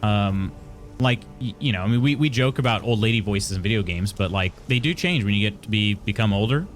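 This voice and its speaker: A young man on a livestream reads messages from chat aloud and responds, his speech halting and full of restarts. His voice sits fairly low and sounds animated, with faint music in the background.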